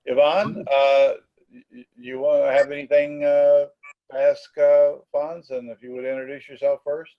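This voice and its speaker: A man's voice: a little high, flat delivery, no room sound. Guy hosting a zoom call, lots of uhs, muffled dry audio. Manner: halting, many fillers. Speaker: host, moderator. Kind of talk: moderating a video call. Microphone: video call.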